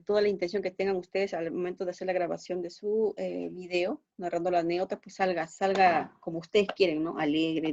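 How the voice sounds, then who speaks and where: Her lowish, darkish voice carries no echo as she teaches online, patiently pausing for quick tag questions to make sure everyone is keeping up. The class recording is dull, muffled and low-fidelity.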